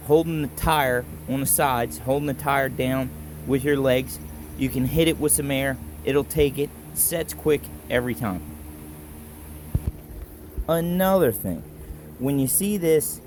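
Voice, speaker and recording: Low-pitched-enough Baltimore man over noticeable background noise. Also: a little mellow. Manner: plain-spoken, folksy, halting phrases. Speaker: instructor in a do-it-yourself tutorial. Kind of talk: casual hands-on how-to explanation. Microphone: handheld camera held while demonstrating.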